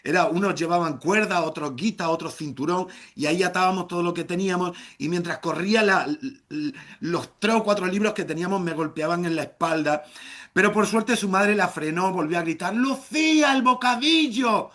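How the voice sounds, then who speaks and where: Man, middle-aged, storyteller, high-pitched, playful, comic, theatrical. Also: a little fast. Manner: playful, humorous, with theatrical shouted exclamations. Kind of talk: live oral storytelling.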